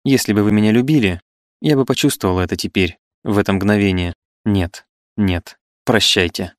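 A man's voice: fairly low pitch, normal speed, dry recording, lightly acted. A man voicing a proud, wounded eighteen-year-old woman who speaks with impassioned reproach. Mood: reproachful. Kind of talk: audiobook character reading.

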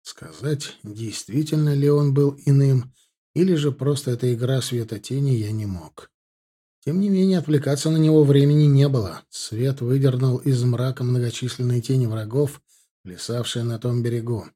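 Husky-voiced male audiobook narrator. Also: medium pitch, moderate pace, mellow. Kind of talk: scripted first-person narration.

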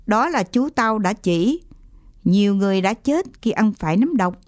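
A woman's voice: mid-range voice, expressive, normal speed, darkish tone, no room sound, close to an everyday voice. A woman voicing a brave, bossy village boy who gives urgent orders to his friends in a storybook reading. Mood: explaining. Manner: urgent, commanding.

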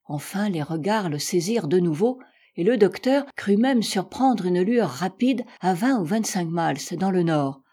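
A woman narrating a classic adventure novel as an audiobook, measured and expressive, with dramatic rises in her voice. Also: lowish voice, slightly rough. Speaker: audiobook reader.

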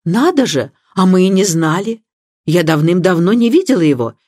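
A woman reading the part of a fussy, excitable middle-aged hostess, chatty and emphatic, with a lively voice. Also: on the low side, normal speed, no room sound, studio quality. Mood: excited.

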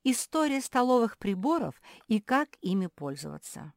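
A woman performs a prim schoolgirl character who talks in a sing-song way, pitching the voice above her own. It's a little high and very animated at normal speed, with studio quality and no echo.

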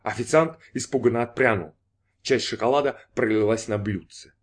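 Expressive male audiobook narrator. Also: medium pitch. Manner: expressive, measured storytelling.

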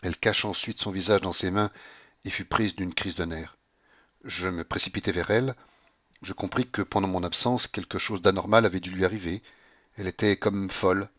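A man with a low voice narrates a classic novel in a measured, steady way. The recording is dull and very dry, with no room sound. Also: dry recording. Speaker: audiobook reader. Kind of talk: literary audiobook narration.

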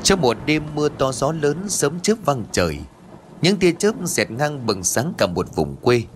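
A man's voice: fairly high pitch, very animated, unhurried, background noise. A man narrating a ghost story in a formal, dramatic storytelling manner. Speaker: audiobook narrator.

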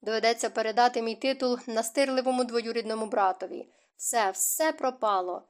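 A woman's voice: a little high, steady tone, brisk, natural voice. Woman reading as a furious proud duke. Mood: despairing. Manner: shouting and bellowing. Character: angry proud aristocratic duke, middle-aged man.

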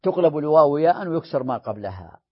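Sheikh teaching grammar, kinda high voice, chants the forms then explains, dull old recording. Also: male voice, expressive, fast. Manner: recites paradigms in a sing-song drill, then explains in a lower voice; corrects himself mid-sentence. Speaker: sheikh teaching Arabic morphology. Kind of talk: classroom grammar lesson.

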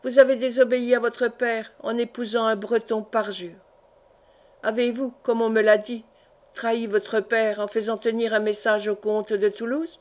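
A woman's voice: on the high side, level tone, normal speed, natural voice. A woman voicing a proud, stern old Breton count, reading him in a solemn, grave way close to her own voice. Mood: commanding.

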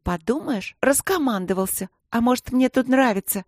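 A woman voicing a sharp-tongued, mocking schoolgirl in a storybook. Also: high voice, normal speed, dry recording, clean studio sound, voice pushed up, natural voice. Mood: snippy. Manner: mocking, snippy.

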